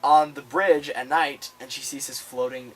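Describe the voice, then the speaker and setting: Excitable young man, distant mic. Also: mid-range voice, moderate pace, breathy edge. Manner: playful, excitable, acts out quotes. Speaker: student co-host. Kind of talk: casual book discussion. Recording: distant mic, faint room noise.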